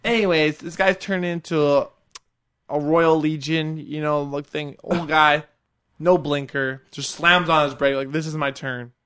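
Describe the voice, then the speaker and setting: A young man telling a rambling, animated story in casual chat, swearing freely and laughing through it. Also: fairly high pitch, unhurried, clean tone.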